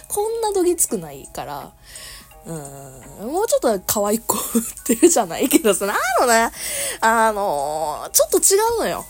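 A woman's voice: on the high side, huge pitch swings, measured pace, a little mellow, soft background music. A young woman with a Kansai accent, chatting casually on her own radio talk show, laughing often and correcting herself as she goes. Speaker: podcast host. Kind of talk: casual solo radio chat.

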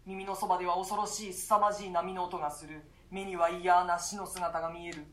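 The character is an imprisoned duke, grave and male, gasping in fear as he narrates a nightmare in solemn archaic speech; a voice actor performs him in a classic stage play read as radio drama. His medium-pitched, slightly bright voice barely moves in pitch and runs brisk, close to everyday speech, in an echoey room.

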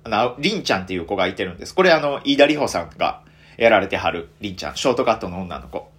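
A man with a Kansai accent, a comedian hosting a casual solo podcast, telling stories in an excitable, self-mocking way. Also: on the low side, very fast.

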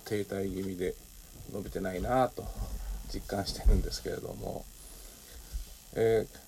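An older man from Japan hosting a casual solo talk show, speaking with many fillers and a habit of tagging sentences with a soft particle. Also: on the low side, creaky, slight background noise. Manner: frequent fillers and tag particle ne. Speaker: podcast host.

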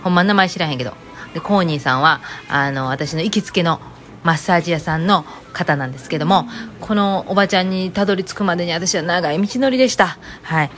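A woman's voice: on the low side, quick pace, faint music behind. A woman with a Kansai accent chatting casually to her viewers in a rambling, joking way, with many fillers. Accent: Kansai Japanese. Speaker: vlogger. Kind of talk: casual chat to camera.

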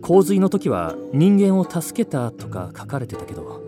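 A man narrating a first-person ghost story in a scripted, hushed telling that sinks to near-whispers at tense moments. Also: a little high, very animated, moderate pace. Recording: faint music underneath.

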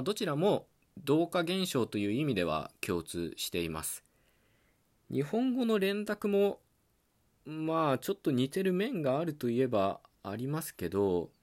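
A fairly low-pitched male voice belongs to a podcast host giving a solo talk on language points. He stays calm and patient in a teacherly manner, often pausing on a filler between ideas.

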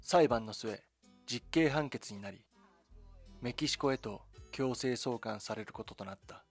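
Music accompanies a man narrating a dramatic documentary from a script, his mid-range voice carrying a breathy edge. His delivery is solemn and measured, built from brief, deliberate phrases.

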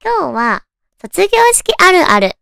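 Woman, cute high anime-girl voice, girlish, swooping lively intonation, casual radio host chat, cutesy manner, dry sound. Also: measured pace, creaky, dry recording. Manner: cutesy, animated, addressing listeners with soft questions.

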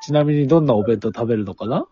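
A man's voice: medium pitch, lively intonation, racing, mellow, lo-fi sound. A man hosting a casual podcast chat, teasing and playfully questioning his guest. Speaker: podcast host.

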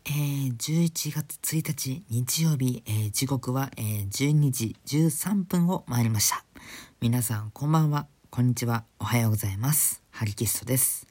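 A man hosting his own casual talk show, speaking quietly for a late-night recording, chatty, with many fillers and giggles, recorded indoors on a phone. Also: medium pitch, normal speed, husky. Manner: hushed, holding back volume for a late recording. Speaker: podcast host. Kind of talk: casual solo radio talk.

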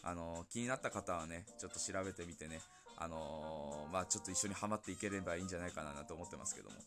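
A young man hosting a casual solo talk show, gushing excitedly about games and music with many fillers. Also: low voice, fast. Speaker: podcast host. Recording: faint music behind.

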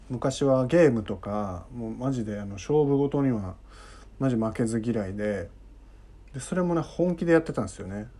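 Hosting his solo podcast, a Kansai-accented man in his thirties rambles through a school-days memory in a chatty way, circling back and repeating himself as it comes to him. His mid-range voice is warm and slightly rough.

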